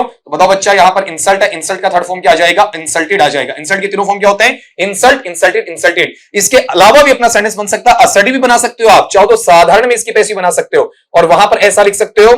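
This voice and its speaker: A man's voice: sits high, a bit bright. A man teaching an exam-prep English lesson, patiently answering student questions while writing out examples and addressing students affectionately. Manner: patient, repetitive, addresses students as "beta" and "bachcha".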